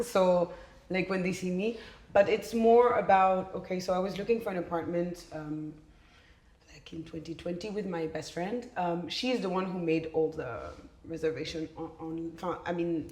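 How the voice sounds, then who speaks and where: A candid young Belgian woman whose first language is French speaks English in a slightly low voice as a podcast guest. Her casual, animated storytelling is full of "like"s and restarts, and the room has a noticeable echo.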